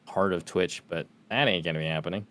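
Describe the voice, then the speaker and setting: Man, podcast guest, laid-back casual chat, frequent laughs, fairly low voice. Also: a little fast, a bit bright. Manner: laid-back, laughs often, stammers on restarts.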